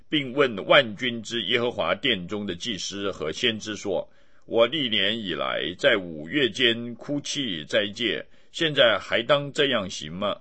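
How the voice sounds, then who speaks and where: A man giving a steady, measured scripted reading of scripture. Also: fairly low pitch. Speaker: Bible reader.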